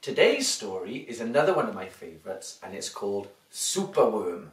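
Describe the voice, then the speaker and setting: Overbright, animated woman hosting children's storytime. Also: a bass voice. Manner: overbright kids' party host, exaggerated excitement; drawn-out, sing-song story lines with questions to children. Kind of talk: interactive picture-book reading for young children. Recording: roomy echo, distant from the mic.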